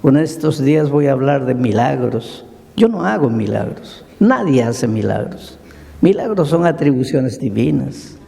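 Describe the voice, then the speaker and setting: A man preaching a sermon as a pastor, telling a story slowly and dramatically with repeated lists and rhetorical questions. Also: medium pitch, expressive, gravelly, warm tone, in a large hall.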